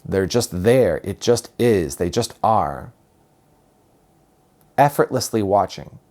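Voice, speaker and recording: A man giving a reflective spiritual talk as a teacher, speaking calmly and unhurriedly and repeating phrases for emphasis. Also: fairly low pitch, slow pace.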